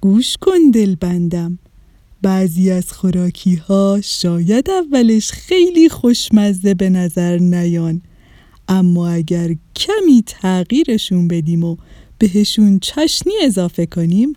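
A woman voicing an ancient, kind vinegar in a storybook, soothing and gentle. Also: medium pitch, animated, no echo, studio quality, close to an everyday voice. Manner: warm, soothing, slow.

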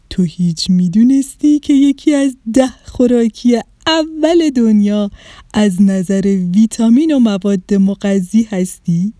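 A woman voicing an ancient, kind vinegar in a storybook, soothing and gentle. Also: medium pitch, no echo, studio quality, natural voice. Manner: warm, soothing, slow.

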